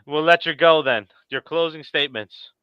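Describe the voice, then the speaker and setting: A man's voice: fairly high pitch, normal speed, clean tone, no echo, dull audio. A man hosting a casual live show, laid-back, laughing often and steering the talk. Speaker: podcast host. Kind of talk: casual chat.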